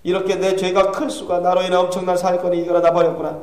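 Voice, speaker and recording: A tormented soul in hell begs and reproaches himself, as a male preacher takes on his words. The voice sits high and rushes along. It comes from a distance in a reverberant church hall. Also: completely flat delivery, a little mellow, close to an everyday voice. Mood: anguished, remorseful. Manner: pleading, self-reproaching. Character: damned man in hell, tormented and regretful. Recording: echoey church hall, far mic.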